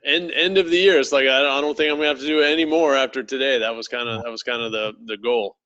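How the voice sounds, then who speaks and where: Low-key man, slightly muffled line. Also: steady tone, quick pace, bright, forceful tone, no room sound. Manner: low-key, dry quips. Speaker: podcast regular. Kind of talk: casual podcast chat.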